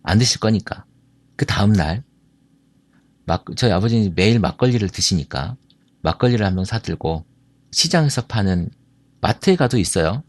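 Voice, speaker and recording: Speaking at a moderate pace with frequent pauses, a middle-aged man from Jeolla, South Korea, tells stories and asks questions of his audience in a talk on marriage and family. His fairly low voice is expressive, and the recording is dry.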